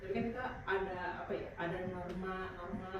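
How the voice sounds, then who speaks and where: A woman answers interview questions quickly and hesitantly. Her voice is far from the mic in a very echoey room with clear noise behind. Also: on the low side, steady tone, dull audio. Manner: hesitant, with fillers. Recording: echoey distant noisy room.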